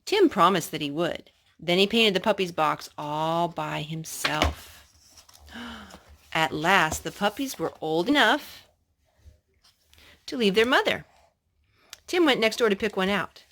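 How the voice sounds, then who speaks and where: A woman plays storyteller, reading a children's book aloud with lively energy aimed at a child, stopping now and then to explain things and ask questions. Her voice sits on the low side.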